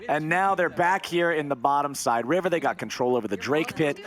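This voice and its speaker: A young man calling a video game match as play-by-play caster, rapid and excitable, with playful trash talk. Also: fairly high pitch. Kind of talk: energetic esports commentary.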